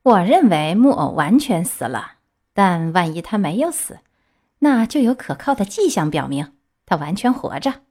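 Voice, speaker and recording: A woman's voice: lowish voice, sing-song, moderate pace, warm tone. Woman reading as a grave crow doctor. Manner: grave, solemn.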